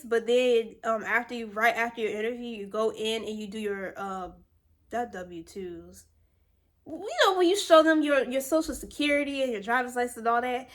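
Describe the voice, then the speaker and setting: A woman's voice: fairly high pitch, a bit bright. A woman in her twenties from Virginia tells a story in a casual, rambling way, full of fillers and asides. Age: 20s. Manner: rambling and chatty, with many fillers. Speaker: vlogger.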